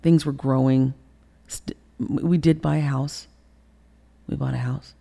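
Brief: middle-aged woman, mellow gravelly tone, candid interview guest, emotional, swears, acts out quotes. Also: very deep voice, fairly even intonation, takes it slowly. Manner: emotional, profane, re-enacts quotes with sudden loud bursts.

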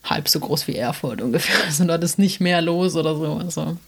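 With a low, fairly quick voice carrying a breathy edge, a young South Tyrolean woman from Italy co-hosts a podcast. Her accent is South Tyrolean German, and her casual chat rambles with plenty of fillers.

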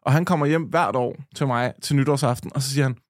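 A man's voice: mid-range voice, no echo, studio quality. A man co-hosting a podcast, telling a long story in a loose, rambling way with many fillers. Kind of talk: casual podcast chat, storytelling.

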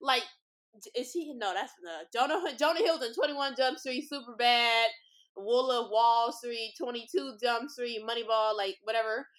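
A young woman from Los Angeles hosting a casual storytelling podcast, chatty and excitable, swearing freely. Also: a little high, normal speed. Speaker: podcast host.

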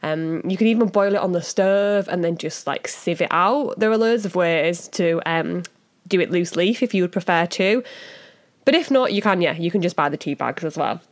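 Woman, Hull accent, somewhat low-pitched, casual podcast explanation, chatty, informal, full of asides. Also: normal speed. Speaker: podcast host.

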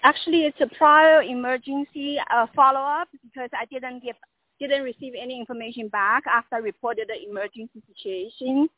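Female caller, high voice, halting unscripted complaint over thin phone audio. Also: dry recording. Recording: tinny dry phone line.

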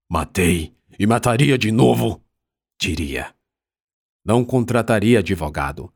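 Husky low-voiced male audiobook narrator. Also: darkish tone, no echo, studio quality. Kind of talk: scripted narration.

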